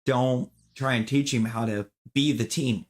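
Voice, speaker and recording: Playing a game on stream, an opinionated man talks loosely to his viewers, rambling and restarting sentences. His voice is an ordinary male pitch, steady and unhurried, with faint music behind it. It's casual chat while gaming.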